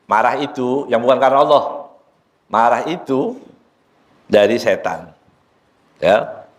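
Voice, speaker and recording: A man, an ustadz, giving a sermon at a book study in a prayer room. He recites Arabic lines and then explains them, and he jokes with the listeners as he goes. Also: slow pace. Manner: joking, lively swings in pitch, quotes Arabic then explains.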